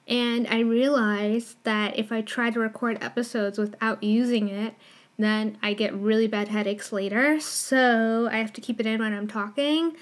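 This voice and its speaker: Higher-voiced woman with a lisp, chatting casually. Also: fairly even intonation, normal speed. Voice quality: strong lisp. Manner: informal, filler-heavy with frequent "like". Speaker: podcast host. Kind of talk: casual chatty podcast monologue.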